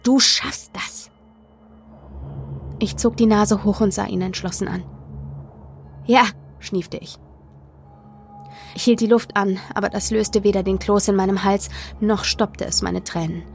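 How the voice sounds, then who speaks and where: A woman narrating a horror story in the first person, with tense, expressive delivery. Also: mid-range voice, normal speed, vocal fry, soft background music. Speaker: podcast narrator. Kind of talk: dramatic horror story reading.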